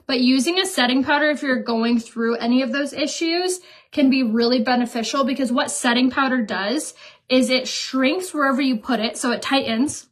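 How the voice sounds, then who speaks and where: A woman's voice: sits high, normal speed. A young woman hosting a live stream, chatting casually and giggling while she sells makeup.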